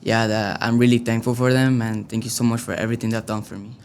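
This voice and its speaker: A young man from Venezuela talks through an interview at an ordinary middle pitch. He hesitates often, filling gaps with small pauses and fillers as he gathers his thoughts. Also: little pitch movement, a little mellow, smooth. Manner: hesitant, many fillers and restarts. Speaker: youth soccer player, guest. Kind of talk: casual interview answers.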